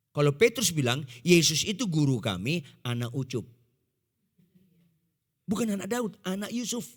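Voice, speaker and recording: A man preaching a sermon in speech, emphatic, shifting between loud and quiet and putting questions to the congregation. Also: sits high. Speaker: pastor. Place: large church hall. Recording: echoey church hall.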